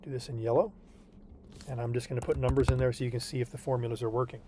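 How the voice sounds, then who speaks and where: Against background noise, a man speaks very fast in a medium-pitched voice with fairly even intonation. He is tutoring a student online, explaining homework patiently and reassuringly and often checking "okay?".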